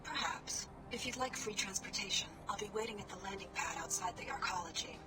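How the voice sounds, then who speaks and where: A woman's voice: medium pitch, fairly quick, over loud music, natural voice. A woman voicing a mysterious pilot who speaks in a cool, guarded, whispery way.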